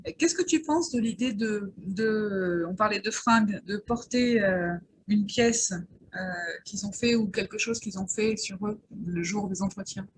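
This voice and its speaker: Host, measured delivery, lots of hesitations, mid-pitched voice, faint background noise. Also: poor audio. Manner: measured, many hesitations, asks follow-up questions. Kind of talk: casual conversation.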